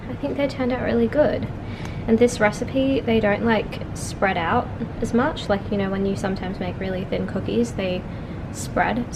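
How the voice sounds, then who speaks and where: Chatty young woman vlogging at home. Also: medium pitch. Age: 20s. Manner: chatty, relaxed, peppered with "like". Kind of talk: casual vlog chat. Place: at home, indoors. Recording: noticeable room ambience noise.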